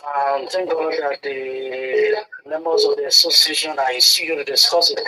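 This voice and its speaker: A man calls in over a clipped, thin phone line, his voice sitting a little high. He talks haltingly and pauses on fillers. The chatter of a crowd carries behind him. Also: steady tone. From Liberia. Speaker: radio call-in caller. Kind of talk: phone call to a talk show. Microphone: telephone.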